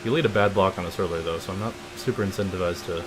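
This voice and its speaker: A young man streaming a racing game live, calling the action in an excitable, announcer-like play-by-play. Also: deep voice, very fast, over music. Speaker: gaming streamer.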